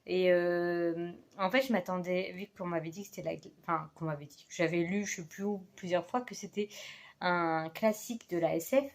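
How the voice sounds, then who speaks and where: A woman's voice: on the low side, steady tone, normal speed. Chatty, hesitant woman book vlogger. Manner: hesitant, many fillers and self-corrections. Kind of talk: casual chat. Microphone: phone held in hand.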